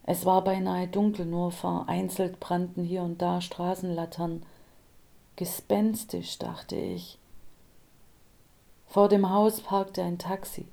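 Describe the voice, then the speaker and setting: A woman narrating an audiobook in a calm, measured way. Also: fairly low pitch, creaky.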